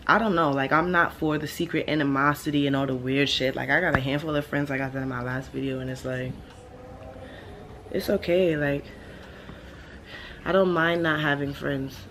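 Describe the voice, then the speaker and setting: Talking to camera in a rambling monologue, a woman in her late twenties uses a low voice at a slightly quick pace. This vlogger sounds laid-back and stoned, slangy, blunt and freely profane as she thinks out loud, over steady background ambience.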